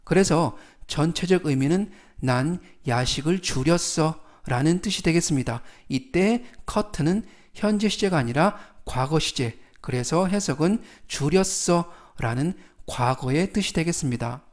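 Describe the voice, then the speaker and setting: Slow, patient male English tutor. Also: a little high, lively intonation. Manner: patient, methodical, repeats key words. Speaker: English teacher. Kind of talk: slow explanatory lesson.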